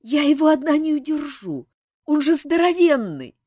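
A woman's voice: sits high, big pitch swings, moderate pace, warm tone, dry recording, studio quality, voice pushed up. A woman voicing a young female nymph dancer who screams and pleads in desperation. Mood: frantic.

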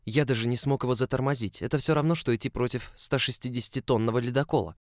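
A man's voice: medium pitch, fairly even intonation, fast talker, no echo, studio quality. A man narrating a first-person story aloud in an emotional, confessional way. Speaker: audiobook narrator.

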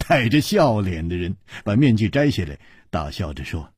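Husky, animated male storyteller. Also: fairly low pitch, moderate pace, no room sound, studio quality. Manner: vivid, wide-ranging dramatic delivery. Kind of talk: dramatic audiobook narration.

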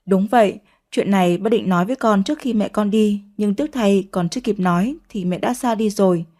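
A woman voicing a gentle older father who speaks to his daughter in a soft, consoling way. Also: mid-range voice, a little fast, lightly acted. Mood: tender.

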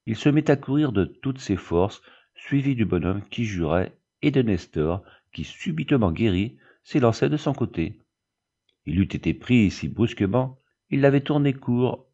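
A man reading a Christmas tale aloud as scripted narration, at a steady pace, raising his voice a little for the characters' quoted lines. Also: medium pitch, a little slow, dull audio. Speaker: audiobook reader.

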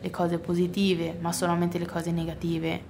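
A young woman from southern China speaks in a low, level voice with a gravelly edge. She sounds calm and self-assured as she answers an interviewer's questions. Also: moderate pace, a crowd in the background. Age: 20s. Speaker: interviewee, student.

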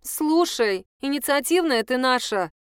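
A woman's voice: high voice, lively intonation, unhurried, smooth, no echo, studio quality, pitched above the performer's own voice. A woman voicing Dasha, brash and foul-mouthed. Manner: crude, mocking, bossy.

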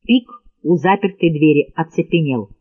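A man's voice: a little high, moderate pace, narrow, tinny audio. A man narrating an audiobook in a tense, dramatic reading style. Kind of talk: scripted narration.

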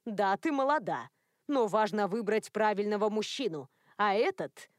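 A woman voicing a prim, controlling elderly woman who is a werewolf grandmother, lecturing in a cold, even tone. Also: medium pitch, moderate pace, no echo, clean studio sound, lightly acted. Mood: stern.

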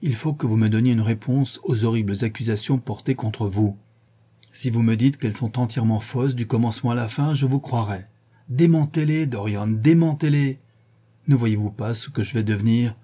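A man voicing an earnest middle-aged male painter who gravely reproaches and urges a friend, in a storybook reading. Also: mid-range voice, moderate pace, mellow, natural voice. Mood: pleading.

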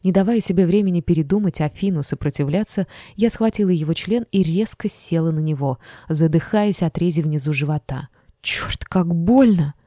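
A woman reading a first-person story as an audiobook narrator, in an expressive storytelling manner. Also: lowish voice, fairly quick, few pauses, no room sound, studio quality.

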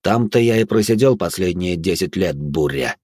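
A man voicing a stern, grim male leader in an audiobook, close to his own low voice. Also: lively intonation, darkish tone, breathy edge, no echo. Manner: grim, measured.

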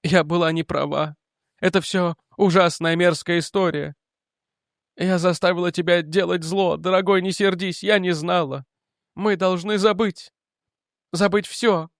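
A man's voice: high voice, fairly even intonation, a little slow, vocal fry, no room sound, studio quality, voice pushed up. A man reading an audiobook, voicing a frail, guilt-ridden mother who talks in an imploring, tender way.

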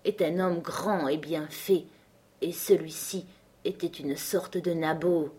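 A woman's voice: on the low side, unhurried, husky. A woman reading a frightened, devoted older male butler in an audiobook, urgent and pleading. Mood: anxious.

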